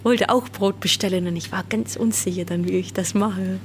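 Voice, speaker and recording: A woman's voice: mid-range voice, fairly even intonation, moderate pace, a little hiss or hum. A woman in her forties from England, a native English speaker, talking casually in German and laughing often as she is interviewed. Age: 40s.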